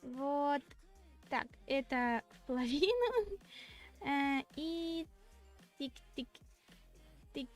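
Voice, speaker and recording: A woman with a very high, cute anime-streamer voice chats casually to her viewers. She takes her time at an unhurried, slow pace and comes across as girlish, giggly and a little shy. Music plays clearly behind her. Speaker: VTuber streamer hosting a redebut stream. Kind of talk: casual livestream chat with viewers.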